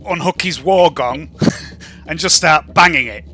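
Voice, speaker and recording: Bright-voiced sweary male gamer. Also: on the high side, measured pace. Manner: sweary, describes actions in first person. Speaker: tabletop game player. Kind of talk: casual gaming chat.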